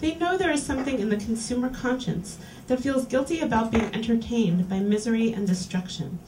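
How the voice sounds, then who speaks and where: A woman hosting a reading series reads an erotica piece aloud to a live audience in a small lounge, clear and deliberate. Her voice is a little high and a little mellow. The live capture sounds roomy and distant, with slight background noise.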